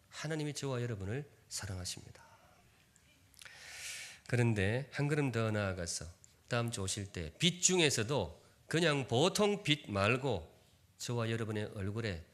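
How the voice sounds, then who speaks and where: A man's voice: mid-range voice, fairly bright tone. A male preacher in his fifties, from Gyeongsan, delivers a sermon in Seoul-style speech that still carries a faint Gyeongsang tinge. He keeps things humorous and often turns to the congregation with questions. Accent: Gyeongsang-tinged Seoul Korean. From Gyeongsan, North Gyeongsang, South Korea. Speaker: pastor. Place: church sanctuary.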